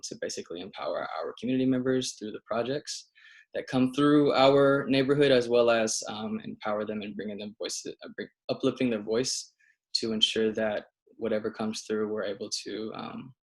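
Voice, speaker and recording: A man's voice: on the low side, creaky. A man, an urban designer, listing his projects at a panel over a video call, with many fillers. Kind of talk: panel presentation with slides.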